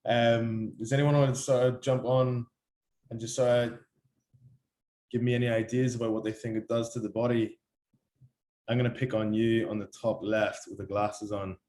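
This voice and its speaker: A young man with an Irish accent giving a casual, chatty workshop talk, rushing along with lots of ums and restarts. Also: medium pitch, little pitch movement, a little mellow, reverberant. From Ireland. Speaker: workshop speaker. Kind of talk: casual presentation on a video call.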